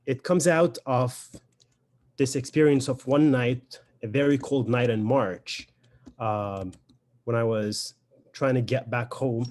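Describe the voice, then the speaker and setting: A man's voice: mid-range voice, steady tone, slow, darkish tone. Lebanese-accented man, reflective and hesitant. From Beirut, Lebanon. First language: Lebanese Arabic. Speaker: poet. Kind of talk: informal spoken introduction to a poetry reading.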